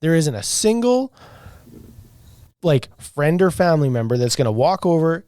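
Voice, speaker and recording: A man co-hosting a casual chat, relaxed and agreeable, often dropping in quick yeahs. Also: fairly high pitch, smooth, no echo, studio quality. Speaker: podcast co-host, deck salesman.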